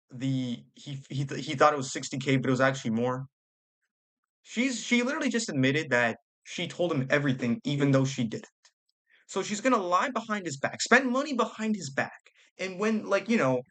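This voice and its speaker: A man's voice: fairly high pitch, pushed and bright. A young man giving sarcastic, blunt commentary, using slang and stumbling over his words. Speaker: commentary vlogger. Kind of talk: reaction commentary.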